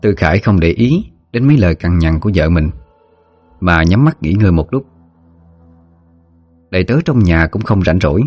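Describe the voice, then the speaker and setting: A man narrating a ghost story in a steady, measured way. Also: sits low, no room sound, faint music behind. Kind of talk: scripted horror story narration.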